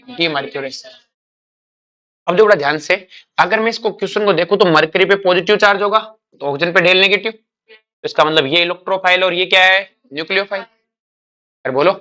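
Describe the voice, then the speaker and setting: Guy teaching chemistry, keeps firing questions at the class, kinda high clear voice. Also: bright, forceful tone. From India. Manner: quizzing students with repeated questions, calls them beta; acts out a crying carbocation and a comforting mercury.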